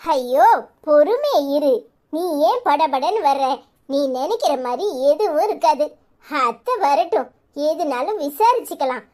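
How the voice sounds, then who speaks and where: A woman voicing a calm, reassuring young woman in a cartoon, with a Tirunelveli Tamil accent and a soothing manner. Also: sits high, unhurried.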